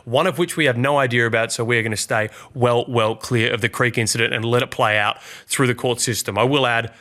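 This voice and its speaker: A man's voice: medium pitch, steady tone, fairly quick, pushed and bright. Stuffy-nosed man hosting a sports podcast. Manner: chatty, cautious on serious topics. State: nasal from hay fever. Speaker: podcast host. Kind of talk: casual sports chat.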